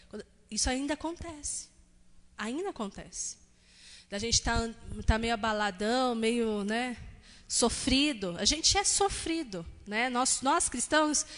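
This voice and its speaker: A woman's voice: high voice, fairly bright tone, in a large hall. A woman pastor with a Brazilian Portuguese accent giving a sermon, telling personal family stories in a chatty way with frequent tag questions. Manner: chatty, frequent "né?" tags, acts out quotes of family. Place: church hall.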